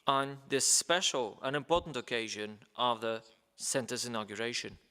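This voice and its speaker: Speaking at normal speed, a man reads a letter aloud at a ceremony with a medium-pitched voice that is pushed, bright and smooth. His formal reading is hesitant, packed with fillers and stumbles over names, and the recording carries the long reverb of a large hall.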